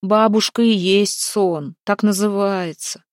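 A woman voicing a wily older tsar who explains things calmly to his son. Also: mid-range voice, slow, no room sound, clean studio sound, voice pushed up, close to an everyday voice. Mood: patient. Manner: calm, knowing, instructive.

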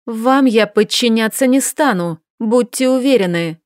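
A woman voicing a defiant young noblewoman who speaks in sharp outbursts. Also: high-pitched, lively intonation, unhurried, dry recording, clean studio sound, pitched above the performer's own voice.

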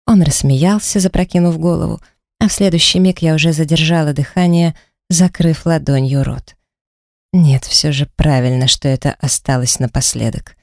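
A woman reading a first-person romance story aloud in a steady storytelling voice. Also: no echo, studio quality. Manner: steady storytelling, livelier and higher in the heroine's quoted lines. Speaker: audiobook reader. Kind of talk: scripted first-person narration.

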